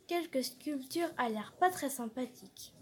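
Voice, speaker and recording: A woman reading a children's storybook aloud with expressive narration. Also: high voice, a little slow, a little hiss or hum.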